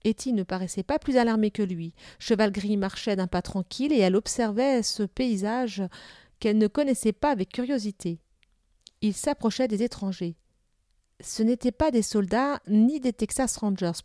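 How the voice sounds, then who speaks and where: A woman narrating a children's novel aloud in a clear, even storytelling manner. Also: medium pitch, moderate pace, no echo, clean studio sound.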